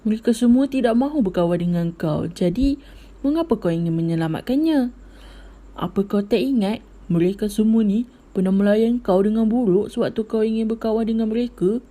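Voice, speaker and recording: A woman's voice: medium pitch, fairly quick, dark tone, pitched below the performer's own voice, natural voice. A woman voicing a fierce, sarcastic male tiger in a puppet show. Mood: sneering. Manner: sarcastic, taunting.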